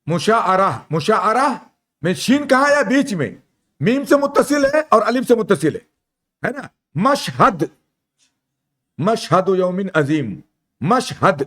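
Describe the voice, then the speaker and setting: A male Arabic teacher leading a classroom lesson, spelling out letters slowly and keeping students engaged with frequent check-in questions. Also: high-pitched, big pitch swings, fairly bright tone. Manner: quizzes students, keeps asking "isn't it?". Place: classroom at an Islamic school.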